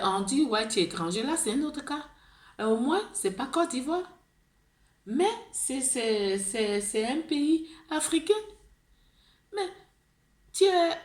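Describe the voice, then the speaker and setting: A video blogger from Ivory Coast, speaking with an Ivorian French accent, delivers an impassioned, pleading monologue in a high, darkish voice with a roomy sound. She repeats herself and restarts words.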